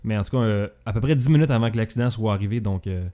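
In this casual chat, a man with a Québécois accent hosts his podcast, hesitating often and using lots of filler sounds. He talks fast, his voice fairly low and mellow.

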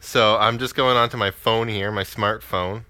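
A man co-hosting a podcast, telling stories in an excitable, casual way with some swearing. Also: fairly low pitch, normal speed, smooth, no room sound. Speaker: podcast co-host. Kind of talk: casual chat. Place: Canada.

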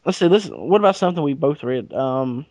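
This co-host of a comic book podcast has a fairly high, slightly mellow voice and talks fast and animatedly. He chats casually about comics with a friend, rambling, joking and using lots of fillers, and the recording is dry.

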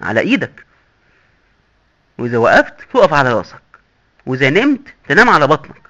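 A man's voice: fairly high pitch, sing-song, fast talker, sharp tone, heavily acted. A man with an Egyptian accent voicing a boastful, sly male doctor in hell who lectures glibly and mockingly. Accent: Egyptian Arabic. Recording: dull lo-fi recording.

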